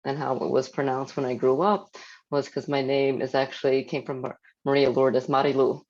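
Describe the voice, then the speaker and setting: A woman's voice: a bass voice, flat delivery, normal speed, darkish tone. A woman from Thailand on a panel over a video call, telling her story frankly. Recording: muffled lo-fi audio.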